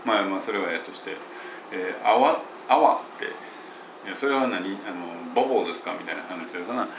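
A man who teaches English pronunciation, chatting loosely in an audio diary with many fillers and self-corrections, and slowing down to demonstrate English phrases. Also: deep voice, vocal fry, background noise. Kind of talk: casual spoken audio diary.

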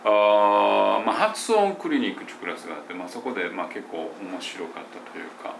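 A man who teaches English pronunciation, chatting loosely in an audio diary with many fillers and self-corrections, and slowing down to demonstrate English phrases. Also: fairly low pitch, animated, creaky, slight background noise. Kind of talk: casual spoken audio diary.

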